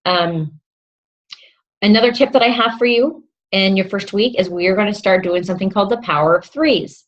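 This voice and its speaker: A woman's voice: medium pitch, normal speed, lo-fi sound. A woman fitness coach giving upbeat, encouraging advice to new coaches, often checking in with her listeners. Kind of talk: instructional talk to new coaches.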